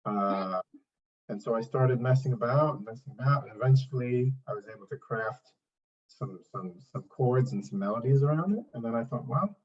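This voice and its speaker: A man's voice: medium pitch, animated, normal speed, darkish tone, far from the mic, muffled recording. A middle-aged man from Trinidad and Tobago, a singer-songwriter answering interview questions in a thoughtful, rambling, self-deprecating way. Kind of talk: relaxed interview talk.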